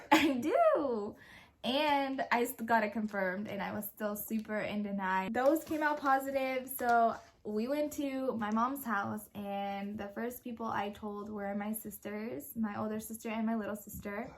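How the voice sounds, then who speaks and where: Giggly young woman, slightly high voice, chatty q&a storytime vibe. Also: measured pace. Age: young adult. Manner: giggly, laughs often while telling a story; chatty, full of fillers and quoted speech. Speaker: young parent answering viewer questions. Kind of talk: casual Q&A chat.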